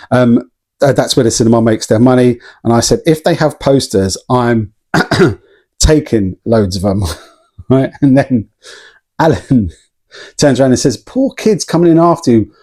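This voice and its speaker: A man's voice: medium pitch, normal speed, darkish tone. A man in a casual vlog, chatting and telling a story with plenty of ums and small laughs. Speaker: vlogger.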